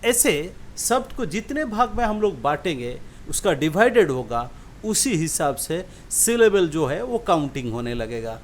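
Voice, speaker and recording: A man teaching an English lesson, sounding out example words slowly and often asking the listener if it is clear. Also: on the high side, sing-song, a little hiss or hum. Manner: repeats example words slowly, checks understanding with questions. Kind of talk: classroom-style lesson explaining syllables.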